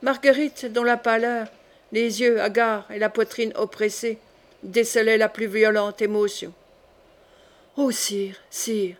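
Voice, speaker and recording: Female audiobook reader, measured and steady, slightly high voice. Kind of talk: classic novel read aloud.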